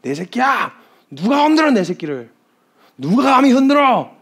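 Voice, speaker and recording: A man voicing God as a furious, protective father shouting threats with rough slang. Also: mid-range voice, animated, fairly quick.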